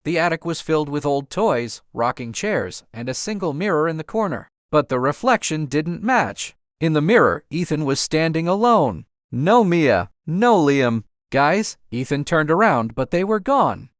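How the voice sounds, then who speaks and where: Male horror narrator, fairly high-pitched, very dry close sound, dramatic and suspenseful dark storytelling. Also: very animated, moderate pace, few pauses, dry recording. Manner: suspenseful, theatrical delivery.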